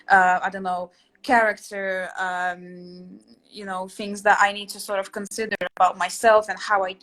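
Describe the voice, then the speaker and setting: A woman's voice: mid-range voice, fairly bright tone. Young woman from Latvia chatting on a video call. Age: 20s. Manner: chatty, hesitant, many fillers and restarts. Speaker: host, interior sketching teacher. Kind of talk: casual video-call chat. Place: small room at home, indoors. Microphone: laptop webcam on a video call.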